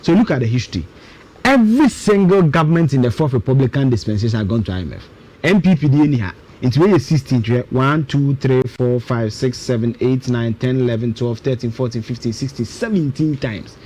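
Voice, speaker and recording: A Ghanaian man in his thirties, appearing as a guest political commentator, gives forceful, argumentative commentary on the budget with rhetorical questions and repeated points. He speaks fairly quickly in an animated, medium-pitched voice with a darkish tone, over poor audio.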